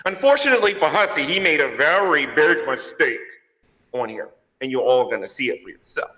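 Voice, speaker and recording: A man's voice: fairly high pitch, expressive, fairly quick, pushed and bright. A man ranting in a dramatic, preachy video commentary, heard with a heavy cave-like echo. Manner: dramatic, preachy call-outs. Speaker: YouTuber. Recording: echoey reverb-heavy video clip.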